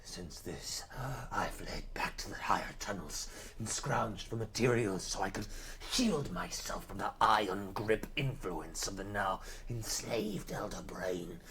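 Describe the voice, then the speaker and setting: A man voicing a creepy male mind flayer in whispered role-play, slow and hushed. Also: lowish voice, expressive, a little hiss or hum, low-quality recording. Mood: eerie.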